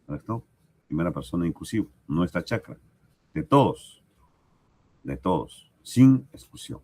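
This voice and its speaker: A Peruvian man teaches a language lesson in a very low, husky voice, with a lively rise and fall. He speaks slowly and deliberately, repeating each example and checking that his listeners follow. The sound is close and dry. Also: no echo. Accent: Peruvian Spanish. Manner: slow, deliberate, repeats examples and asks "¿correcto?". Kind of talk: recorded lesson.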